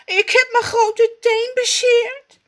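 A woman voicing a boastful, excitable male animal in a storybook reading, loud and quick to flare up. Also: high-pitched, voice pushed up, exaggerated voice. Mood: panicked. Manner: bragging, loud and hot-tempered.

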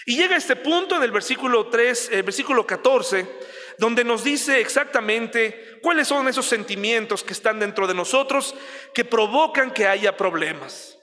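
A man's voice: extremely high pitch, lively intonation, moderate pace, bright, forceful tone. A man with a Mexican accent preaching a sermon in a chatty way, asking the listeners questions and acting out little everyday scenes. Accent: Mexican Spanish. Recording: long reverb of a large hall.

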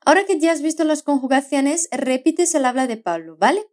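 A woman teaching a language lesson, modelling words slowly and clearly with encouraging prompts to repeat. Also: high-pitched, animated, darkish tone. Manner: slow, carefully modelled repetitions with encouraging prompts. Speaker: Spanish pronunciation teacher. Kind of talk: scripted language lesson narration.

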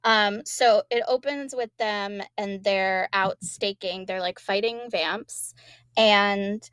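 A woman's voice: medium pitch, fairly even intonation, slow, a bit bright, smooth, no echo, studio quality. A woman co-hosting a podcast, casually recapping TV episodes in a rambling way and quoting characters. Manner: rambling, quotes characters with laughs. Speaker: podcast co-host.

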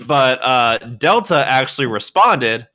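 A man's voice: medium pitch, animated, takes it slowly, bright, forceful tone. A young man co-hosting a casual podcast, rambling with lots of fillers and laughing often. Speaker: podcast co-host. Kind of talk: casual chat.

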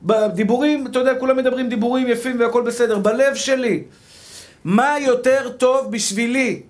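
Man rabbi with a strikingly high voice, preaching to a live audience, punchy and repetitive. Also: fairly even intonation. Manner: emphatic, repeats rhetorical questions, calls listeners brother.

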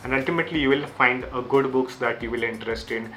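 A man's voice: mid-range voice, fast, fairly bright tone. A young man, a native Marathi speaker with an Indian accent, shares self-help lessons with viewers in earnest non-native English, using simple, repeated phrasing. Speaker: YouTube creator sharing book lessons.

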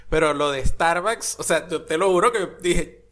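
Here is a man co-hosting a podcast, his voice high for a man and bright. He chats in a loose, animated way, full of slang and jokes. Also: normal speed. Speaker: podcast co-host and language teacher. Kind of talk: casual podcast chat.

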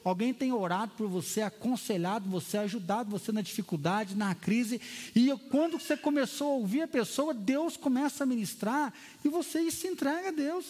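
A pastor, a man preaching a lively, storytelling sermon in a church hall. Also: very high voice, normal speed. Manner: lively storytelling preacher who acts out quotes. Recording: long hall reverb.

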